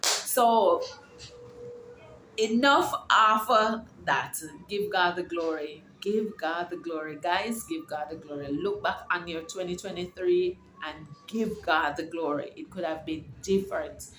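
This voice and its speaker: Her voice lowish and a bit bright, a middle-aged Jamaican woman speaks slowly in a casual faith vlog filmed at home. She's encouraging and preachy, rambling and starting over, and the echoey room carries faint ambience plus a little hiss or hum.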